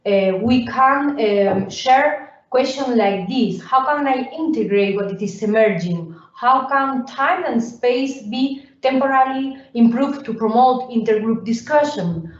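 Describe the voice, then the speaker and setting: Female presenter, slightly high voice, hesitant delivery full of fillers, caught from a distance on a dull recording. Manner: halting, with many fillers and restarts. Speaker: presenter at a research workshop. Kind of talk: academic conference presentation. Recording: roomy, distant, dull sound.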